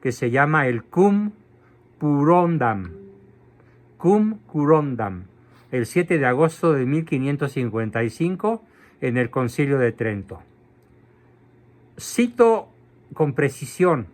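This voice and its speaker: Slow, emphatic male catechism lecturer. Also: mid-range voice, big pitch swings. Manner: emphatic, slow and deliberate, spells out terms. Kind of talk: doctrinal lecture.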